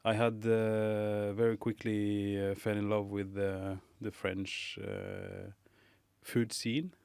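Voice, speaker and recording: Male podcast guest, low voice, smooth and clear, dry close sound; hesitant, reflective delivery. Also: level tone, a little mellow, no room sound. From Morocco. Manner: thoughtful, halting, many fillers. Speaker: guest, pastry chef. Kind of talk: casual interview.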